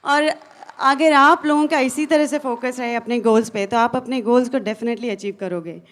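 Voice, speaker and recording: A woman speaking earnestly to an audience as a motivational speaker, pausing often with fillers and restarts. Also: on the high side. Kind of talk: stage talk to an audience.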